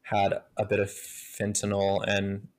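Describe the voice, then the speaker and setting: A man in casual, reflective discussion, speaking in a hesitant, measured way. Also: lowish voice, monotone.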